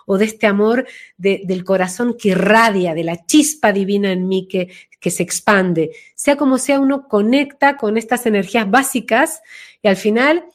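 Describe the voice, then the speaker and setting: Speaking at a moderate pace in a mid-range voice, a woman who's recovering from flu explains her thoughts reflectively. She's a voice work coach appearing as an interview guest, and she repeats phrases for emphasis.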